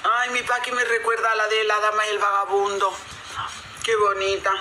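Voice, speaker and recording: A middle-aged Andalusian woman hosts a casual livestream, chewing as she talks. Clear noise sits behind her voice, as recorded on a phone indoors at home. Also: mid-range voice, little pitch movement, moderate pace. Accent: Andalusian Spanish. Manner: chewing while talking, eating spaghetti. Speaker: livestream host. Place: home dining area, indoors. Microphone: phone at arm's length.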